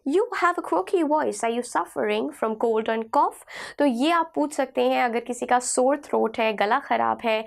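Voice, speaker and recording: An Indian woman teaching an online language lesson. Her voice is hoarse from a sore throat, and she speaks patiently, repeating key phrases slowly. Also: a little high. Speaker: English teacher.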